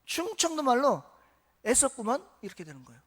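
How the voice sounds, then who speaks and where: Guy preaching a sunday sermon, keeps quizzing the church, goes loud then drops to a near whisper. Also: high voice, a little fast. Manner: lively, asks the congregation questions; swings between loud emphasis and soft, hushed remarks. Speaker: pastor. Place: church sanctuary.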